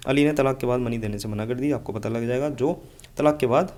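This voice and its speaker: A man's voice: medium pitch, fairly quick, darkish tone. A man teaching English vocabulary for exam preparation, patiently explaining words and repeating memory tricks. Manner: explains patiently, repeats mnemonics, says "ठीक है" often. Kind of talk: exam-prep lesson with mnemonics.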